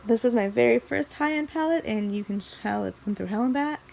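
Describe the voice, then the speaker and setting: Speaking briskly with vocal fry, a young Midwestern woman from Missouri vlogs indoors in her bedroom about her makeup collection. Her on-the-high-side voice has a darkish tone and is slightly scratchy from allergies, and her chatty talk rambles with little restarts.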